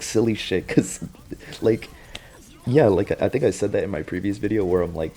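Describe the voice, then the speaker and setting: A young man with a deep, low voice talks through a show recap in a casual vlog. He is slangy and profane and keeps breaking into laughter. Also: gravelly, dark tone. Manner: slangy, swearing, laughs a lot.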